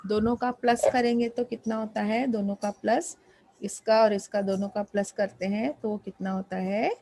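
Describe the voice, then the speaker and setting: A woman's voice: medium pitch, flat delivery, moderate pace, vocal fry, warm tone, no echo, rough recording. A woman math teacher explaining a lesson, patiently repeating questions and prompting students to answer.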